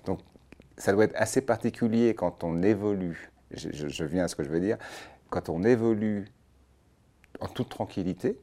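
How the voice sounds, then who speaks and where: In a conversational interview, a male host with a deep, dark-toned voice speaks at a moderate pace. His questions are long and rambling, and he rephrases them as he goes.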